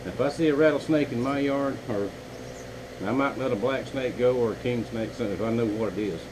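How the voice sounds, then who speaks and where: A man's voice: mid-range voice, a little fast, noisy background. A man, a knifemaker chatting casually and folksily to his viewers from his home workshop. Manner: rambling, folksy, talks to viewers as y'all. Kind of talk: casual vlog chat.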